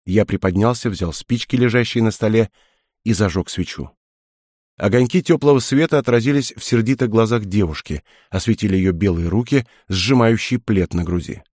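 A man reading a first-person story aloud in a measured, unhurried way. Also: lowish voice, a little mellow, no room sound, studio quality. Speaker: audiobook narrator.

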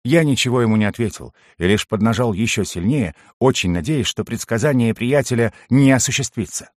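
A man reading a first-person fantasy audiobook in an expressive storytelling manner, in a dry close recording. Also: medium pitch, brisk, dry recording. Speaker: audiobook narrator.

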